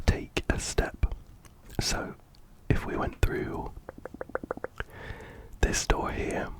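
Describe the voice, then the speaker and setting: A man with a cold and blocked nose, whispering gameplay commentary ASMR close to the mic, ear to ear. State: stuffy nose from a cold, breathing through the mouth. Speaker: ASMR gaming channel host. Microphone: close binaural mic, ear to ear.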